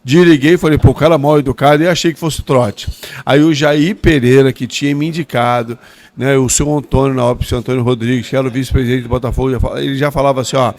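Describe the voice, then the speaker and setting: A man, a former footballer talking as a guest in a restaurant, heartfelt with halting restarts. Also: medium pitch, steady tone, darkish tone. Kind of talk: emotional storytelling interview.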